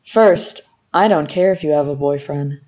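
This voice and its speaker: Cocky male tycoon, a woman reading him, low mellow voice, bossy and self-assured. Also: moderate pace. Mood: commanding. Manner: smug, commanding. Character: arrogant wealthy male company owner.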